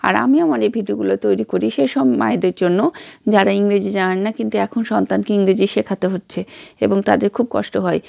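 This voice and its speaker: A woman with a strongly gravelly, fry-heavy voice teaches pronunciation. She spells each word letter by letter and then pronounces it. The recording is dry and close. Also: mid-range voice, darkish tone, no room sound. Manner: spells words letter by letter then says them. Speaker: channel host and English teacher. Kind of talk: slow spelled-out pronunciation lesson.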